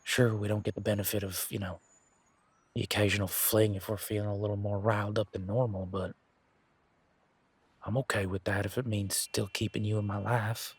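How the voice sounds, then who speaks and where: Man playing Gavin, gravelly low-voiced flirty werewolf. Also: flat delivery, normal speed, no echo. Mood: tender, sincere. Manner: teasing, informal, conversational. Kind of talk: roleplay audio drama, one side of a dialogue.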